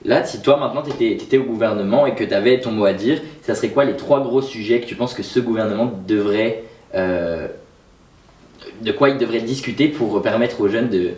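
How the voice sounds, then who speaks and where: A man conducts an interview in a relaxed, informal manner with a lowish voice. He sounds distant from the mic. The room around him is echoey. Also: moderate pace. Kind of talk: casual interview questions.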